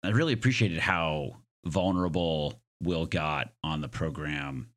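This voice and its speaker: Hosting his podcast solo, this man has a very deep voice with a fairly bright tone, slightly hoarse, raspy and smoky. He speaks unhurriedly in a casual, reflective style, cracking self-deprecating jokes.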